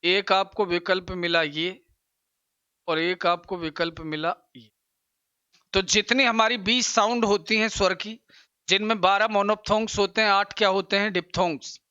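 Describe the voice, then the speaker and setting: A man teaching an English exam-prep lesson, explaining slowly and repeating pronunciations for his students. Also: high-pitched, steady tone, sharp tone, clean tone, dry recording, highs cut off.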